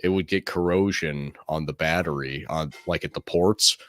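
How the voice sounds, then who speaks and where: A man's voice: rumbling low, moderate pace, fairly bright tone, no room sound. A man co-hosting a casual sports podcast, rambling and swearing, often correcting himself mid-sentence. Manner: rambling, profane, self-correcting. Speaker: podcast co-host.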